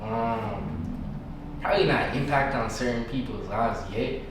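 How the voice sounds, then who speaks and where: Here a young New Yorker, a musician appearing on a podcast, keeps his interview chat loose and full of slang. His voice sits at medium pitch and moves at a measured pace, and his New York accent comes through. The mic is far off in an echoey room, with noise in the background.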